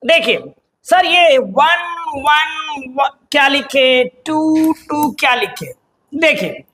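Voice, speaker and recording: A man with a notably high voice teaches a grammar lesson. He poses his own questions and answers them right away. He repeats key terms over and over so they stick. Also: sharp tone. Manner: drills patterns by repeating them. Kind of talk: explanatory online lesson.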